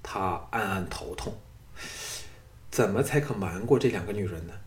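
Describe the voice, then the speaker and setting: A man narrating an audiobook in a dramatic, expressive storytelling style. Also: deep voice, normal speed.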